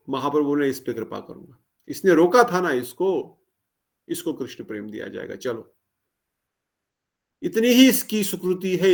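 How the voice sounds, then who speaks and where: A man giving a devotional discourse, retelling a sacred story with acted-out dialogue and questions to the listeners. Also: fairly high pitch. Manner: animated, acts out dialogue, asks audience questions. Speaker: preacher.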